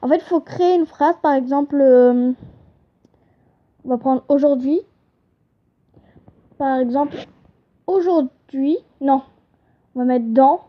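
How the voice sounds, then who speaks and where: A young woman with a high voice teaches a casual lesson at home, chatty and a little hesitant, stopping to correct herself. The recording is dull and lo-fi. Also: slow pace, pauses often. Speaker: channel host teaching an invented language.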